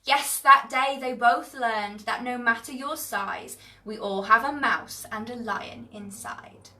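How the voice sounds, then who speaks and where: A woman with a bright, fairly high voice talks and reads to young children. She is expressive and animated, leaving dramatic pauses. The microphone sits a little way off from her. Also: recorded from a distance, slight background noise. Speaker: children's storyteller. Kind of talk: expressive picture-book reading and chat to young viewers. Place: livestream on several screens.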